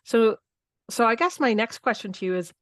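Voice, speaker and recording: A woman's voice: fairly high pitch, lively intonation, normal speed, no room sound, studio quality. A woman hosting a podcast, asking questions with curiosity and frequent restarts. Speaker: podcast host. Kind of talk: interviewing.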